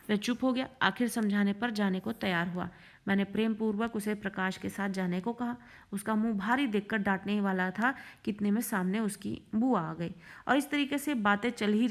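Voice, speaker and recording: A woman teacher who reads a Hindi short story aloud and explains it line by line, in a measured, explanatory way. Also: fairly high pitch.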